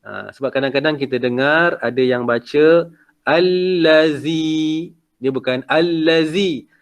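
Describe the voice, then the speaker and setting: Seorang guru tilawah lelaki dari Malaysia berloghat Melayu Malaysia, mengajar dengan sabar, melagukan ayat lalu menerangkan tajwid melalui panggilan video. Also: male voice, medium pitch, normal speed, creaky, clear, resonant tone. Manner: patient, corrective, chants verses melodically then explains. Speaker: Quran recitation teacher. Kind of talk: online recitation lesson.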